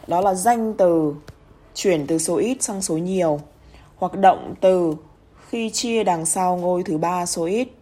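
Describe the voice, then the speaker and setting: A Vietnamese woman teaching English pronunciation, explaining rules and reading example words slowly and clearly. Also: fairly low pitch, warm tone. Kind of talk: pronunciation lesson.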